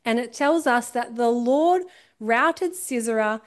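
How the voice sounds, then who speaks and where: Woman preaching with a higher voice. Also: slow pace. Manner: expressive, poses questions to listeners. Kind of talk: sermon.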